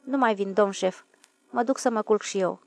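A woman's voice: mid-range voice, a little mellow, close to an everyday voice. A woman voicing a blunt, plain-spoken rustic railway switchman in an audiobook. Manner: blunt, plain-spoken, deferential to his boss. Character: gruff rustic middle-aged male railway switchman. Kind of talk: audiobook character voice.

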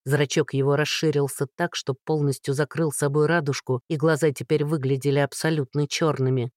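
An audiobook narrator reading a tense scene in a dramatic, expressive way. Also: mid-range voice, brisk, dry recording, studio quality. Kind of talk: scripted narration.

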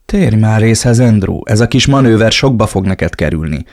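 A man's voice: on the low side, animated. A man voicing a ruthless, mocking cartel henchman in an audiobook. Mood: angry. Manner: mocking, shouting. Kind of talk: audiobook reading.

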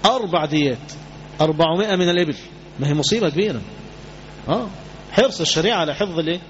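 A man's voice: on the high side, rapid-fire, lo-fi sound, slight background noise. A man with an Egyptian Arabic accent giving a colloquial religious lesson, often quizzing his listeners with questions for them to complete. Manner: quizzes audience with fill-in questions. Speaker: Islamic teacher.

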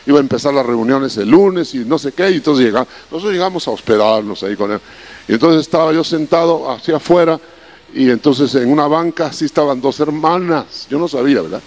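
A man's voice: a little high, fairly quick. A male preacher telling folksy personal stories in a sermon, often calling his listeners brother. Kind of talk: sermon storytelling.

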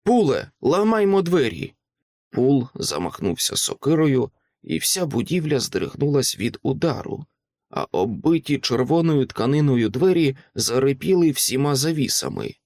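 A man narrating an audiobook in a dramatic, expressive reading style on a close microphone. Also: mid-range voice, no echo. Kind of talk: scripted literary narration.

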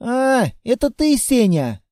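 A man's voice: extremely high pitch, sing-song, a little mellow, dry recording, clean studio sound, pitched above the performer's own voice, exaggerated voice. A man voicing a sulky immortal little girl. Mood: sad. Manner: quick, sulky and sarcastic. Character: sad, sharp-tongued immortal little blonde girl.

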